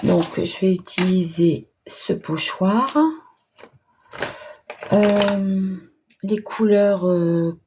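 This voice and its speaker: A woman narrating a craft tutorial in a casual, hesitant way, pausing often with fillers. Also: medium pitch, steady tone, noisy background. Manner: hesitant, many pauses and fillers, self-deprecating. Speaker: crafting vlogger.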